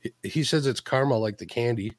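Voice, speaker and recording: A man's voice: mid-range voice, fast talker, no echo. A man co-hosting a live fishing stream, chatting casually and greeting viewers by name.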